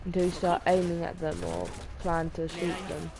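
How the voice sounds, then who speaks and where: A tired woman streaming a game, talking in a monotone and rambling with restarts and apologies. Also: lowish voice, normal speed, noisy background. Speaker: gaming streamer. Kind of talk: casual gameplay commentary.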